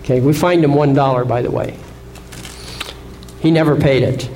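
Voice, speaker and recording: A man's voice: medium pitch, steady tone, normal speed, dark tone, low-quality recording. A man lecturing an audience in an assertive way, often asking rhetorical questions and checking in with "Okay?". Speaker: seminar speaker.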